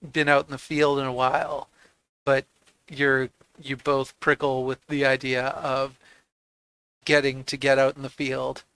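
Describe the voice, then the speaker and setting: A man narrates a tabletop roleplaying game as its game master. His voice is smooth and closely recorded, with little room sound. He speaks slowly and haltingly, building the scene as he goes. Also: mid-range voice, bright, forceful tone, no echo.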